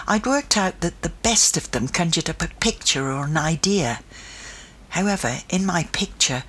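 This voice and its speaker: A woman storyteller giving an expressive first-person reading of a children's adventure story. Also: deep voice, slightly rough. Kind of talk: storybook narration.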